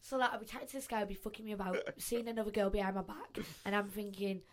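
A young woman speaks at an average pitch. She is candid and slangy, sharing anecdotes in relaxed podcast-style banter. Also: very fast, crowd noise. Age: young adult. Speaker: podcast co-host. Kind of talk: casual banter, personal anecdotes.

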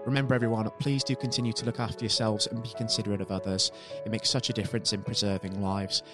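A man's voice: fairly low pitch, little pitch movement, fast, music in the background. A man hosting an interview programme, speaking in polite, wordy, formal phrases. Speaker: podcast host. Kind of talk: formal, scripted-sounding show sign-off.

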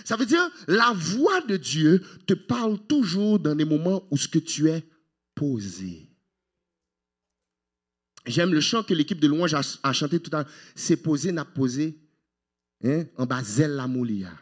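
A male pastor delivering a sermon with a husky, slightly raised voice. His pitch swings widely as he preaches, jumping to high exclamations and dropping low. He mixes English phrases into his preaching. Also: lively intonation, moderate pace.

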